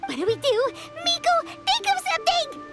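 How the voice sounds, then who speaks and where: A woman voicing a tiny, excitable female companion creature in a video game, with a squeaky, alarmed delivery. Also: normal speed, over loud music, exaggerated voice. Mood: panicked. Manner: squeaky, high-strung, alarmed.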